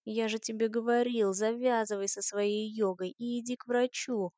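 A weary young man scolds with tired sternness, as a woman narrator puts him on. The voice is close and dry, in the reader's middle pitch. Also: fairly even intonation, takes it slowly, no echo, natural voice. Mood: scolding.

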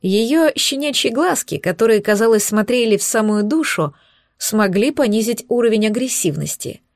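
A woman narrating first-person fiction in an expressive, wry way, close to the mic. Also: on the high side, moderate pace, no echo.

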